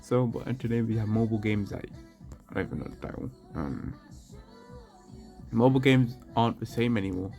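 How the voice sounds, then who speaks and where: A young man who sounds tired from waking up, talking in a loose, rambling way. His voice sits fairly low, and faint music plays behind him. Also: brisk, gravelly, long pauses, darkish tone. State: tired, just woke up. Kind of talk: casual chat.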